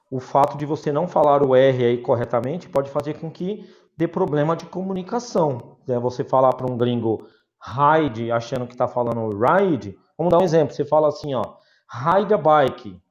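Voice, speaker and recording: A man's voice: a little high, normal speed, darkish tone, lo-fi sound. A man with a Brazilian Portuguese accent teaching an English class over a video call, explaining patiently with examples.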